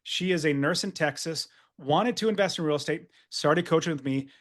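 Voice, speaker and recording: A man's voice: a little high, normal speed, a bit bright. A man coaching real estate investors in an upbeat, emphatic webinar sales presentation.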